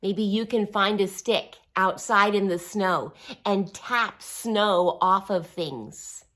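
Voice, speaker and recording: A woman reads a picture book slowly to young children in a medium-pitched voice. Her language is simple and encouraging, and she adds expressive emphasis plus small asides and questions.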